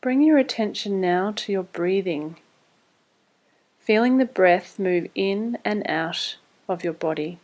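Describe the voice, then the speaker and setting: Speaking in a mid-range voice, a woman leads a guided body scan meditation. She delivers the scripted instructions calmly, soothingly and at a measured pace.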